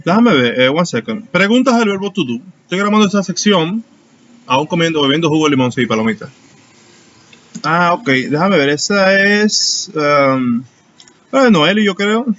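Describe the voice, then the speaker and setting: Guy teaching english grammar online, kinda high voice, dull muffled recording. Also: lively intonation, normal speed, a bit bright. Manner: explanatory, asks students questions. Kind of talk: online class lecture.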